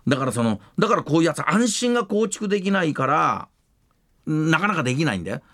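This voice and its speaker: An older man hosting a radio talk show, telling long rambling stories in rough, casual speech that livens up at the funny parts. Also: fairly high pitch, big pitch swings, quick pace, fairly bright tone, dry recording, studio quality.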